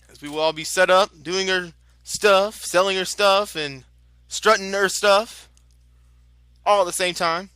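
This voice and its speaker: A man's voice: sits high, bright, forceful tone, clear, resonant tone, no room sound. A man working as a lucha libre announcer, calling wrestling moves and slipping in promotional plugs in a chatty, informal, exclamatory way.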